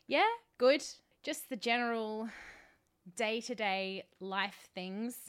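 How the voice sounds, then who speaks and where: A woman's voice: on the high side, slow, clear, resonant tone. A woman co-hosting a podcast in casual chat, offhand, teasing and sweary. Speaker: podcast co-host.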